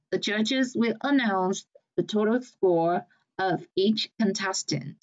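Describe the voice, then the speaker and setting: A woman teacher with a Vietnamese accent goes through English exam answers one by one. She reads the example sentences slowly and explains each step. Her voice sits at a middle pitch, and the recording sounds slightly dull. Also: darkish tone. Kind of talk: exam review lesson.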